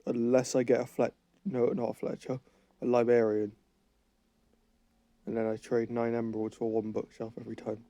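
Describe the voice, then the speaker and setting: His delivery is completely flat, with long pauses, as this gaming channel host, sick with a cold and losing his voice, rambles through commentary while playing, constantly correcting himself. The mid-range voice is dark-toned and moves at a moderate pace, with no echo.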